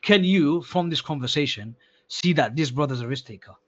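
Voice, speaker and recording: A sales mentor goes over a sales call with a student in a casual coaching style, repeating words often and calling him "akhi." His voice is a little high and a bit bright, with lively intonation and a slightly fast pace. The lo-fi recording sounds slightly dull.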